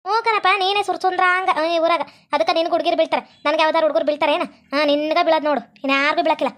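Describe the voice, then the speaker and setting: Brief: woman voicing bickering North Karnataka village wives for a cartoon; very high, rattling fast, scolding. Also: fairly even intonation, a bit bright. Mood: sarcastic. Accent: North Karnataka Kannada. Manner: quarrelsome, scolding, rapid-fire. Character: bickering young village women, sharp-tongued and dramatic. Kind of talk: comic cartoon voice acting.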